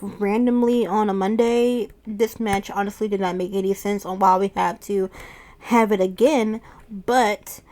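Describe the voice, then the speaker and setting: A woman talking through a wrestling show in a relaxed, chatty recap and laughing now and then as she goes. Her voice is warm and mellow at an ordinary pitch for a woman. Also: measured pace. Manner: chatty, laughs often while retelling. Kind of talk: casual recap talk.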